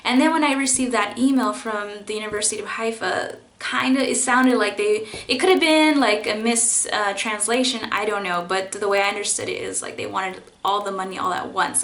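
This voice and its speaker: A young woman, a college student, shares her faith story in a personal vlog, her mid-range voice a bit bright and reverberant. She speaks earnestly and reflectively, with frequent fillers and restarts.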